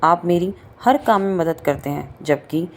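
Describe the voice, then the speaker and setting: A woman's voice: lowish voice, expressive, measured pace. A woman voicing a worried, hesitant young daughter-in-law in a read-aloud story. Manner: hesitant, respectful. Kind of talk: storybook reading.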